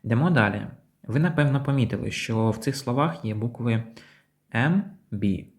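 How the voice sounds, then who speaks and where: A man giving a language lesson, saying example words slowly and clearly and repeating them. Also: medium pitch, expressive. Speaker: English teacher.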